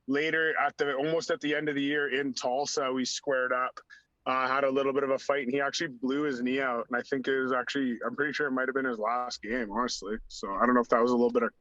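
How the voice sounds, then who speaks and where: A former hockey enforcer, guesting on a podcast, tells animated stories in a slightly raspy, mid-range voice at a quick pace. He acts out what people said and says "like" constantly. The sound is dull and lo-fi, with no room sound.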